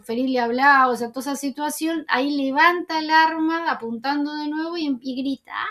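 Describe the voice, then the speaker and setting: A woman casually recapping dramatic TV series scenes, rambling with many fillers and self-corrections. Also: sits high. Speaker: TV series commentator.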